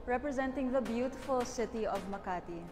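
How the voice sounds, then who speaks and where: An earnest young woman in her twenties gives a scripted introduction to camera in a dark studio. Her voice sits a little high and carries a long reverb tail. Clear music plays beneath her. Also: a little fast. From Philippines, raised in the US. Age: 20s. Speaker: pageant contestant.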